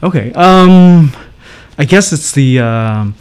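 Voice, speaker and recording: A man's voice: fairly high pitch, expressive, slow pace, clear, resonant tone. A man raised in Canada after a Taiwan birth, a life coach answering interview questions with many fillers. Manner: hesitant, frequent fillers and laughs. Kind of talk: casual interview.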